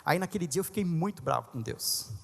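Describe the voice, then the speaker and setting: High-voiced man preaching in an echoing hall. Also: fast, vocal fry. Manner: animated, conversational storytelling with audience asides. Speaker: pastor. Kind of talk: storytelling sermon. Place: large congress hall. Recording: long reverb of a large hall.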